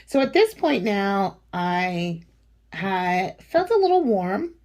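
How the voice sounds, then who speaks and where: A woman's voice: medium pitch, very animated, slow, darkish tone. A woman in her forties chats to her viewers in a loose, rambling way, full of fillers and little laughs. She tells her story casually and keeps circling back to her point. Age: 40s. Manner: chatty, rambling, laughs often, many fillers. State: recovering from a cough and sore throat. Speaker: vlogger.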